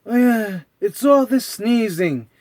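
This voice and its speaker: Man putting on a hearty, high-pitched Santa Claus. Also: expressive, takes it slowly, a little mellow, no room sound, full character voice. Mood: weary, troubled. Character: Santa Claus, kindly old man, earnest and grateful.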